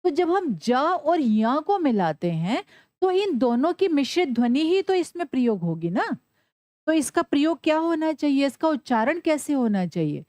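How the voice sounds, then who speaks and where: Woman, Sanskrit teacher, animated, slightly high voice, asks and answers herself, spells letters slowly, dry close sound. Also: no echo. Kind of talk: classroom lesson.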